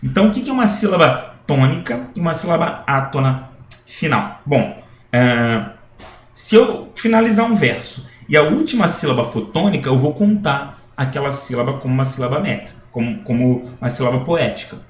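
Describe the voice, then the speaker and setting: A man's voice: medium pitch, animated, normal speed. A man teaching a school poetry lesson, explaining step by step and often checking in with his students. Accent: Brazilian Portuguese. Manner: explanatory, with frequent checking tags and restarts. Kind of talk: recorded classroom lecture. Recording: echoey room, dull lo-fi sound.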